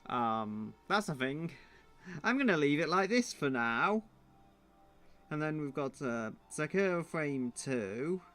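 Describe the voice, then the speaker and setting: A man's voice: fairly high pitch, sing-song, takes it slowly, a bit bright. A man streaming his drawing, thinking aloud in a muttering, self-deprecating way.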